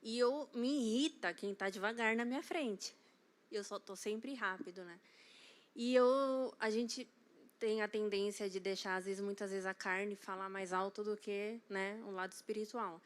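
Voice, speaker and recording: A woman's voice: medium pitch, a little slow. Laughing Brazilian woman telling a story. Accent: Brazilian Portuguese. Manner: lively storytelling, laughing often. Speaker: church member sharing a testimony. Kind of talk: casual testimony at a Bible study. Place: church.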